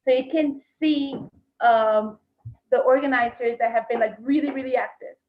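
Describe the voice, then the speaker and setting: A woman's voice: sits high, steady tone, moderate pace. A woman interpreting live on a video call, hesitant with fillers and restarts, heard over a bad internet connection. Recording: muffled, echoey video call audio.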